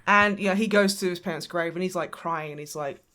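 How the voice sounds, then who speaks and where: Sweary, animated woman podcast host. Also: fairly low pitch, a little fast. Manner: animated, sweary, emotional recapping. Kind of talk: casual chat.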